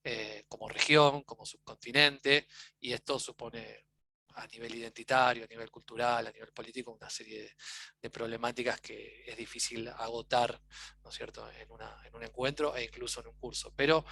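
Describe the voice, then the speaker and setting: A man leads an academic session. His voice is gravelly with a bright, forceful edge, and he speaks formally in measured phrases. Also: medium pitch, flat delivery. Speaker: coordinator, university lecturer. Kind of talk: formal academic closing remarks.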